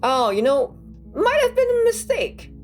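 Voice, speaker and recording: A woman's voice: extremely high pitch, very animated, measured pace, soft background music. A woman game streamer giving casual playthrough commentary in a musing, playful, sardonic way.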